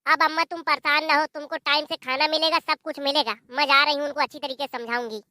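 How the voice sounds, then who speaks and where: A fiery young married daughter in a village cartoon, voiced by a woman, scolding and confrontational. Her voice is high and sharp, and it sounds close and dry. She speaks with a Bundelkhandi Hindi accent. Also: steady tone, fast, no room sound.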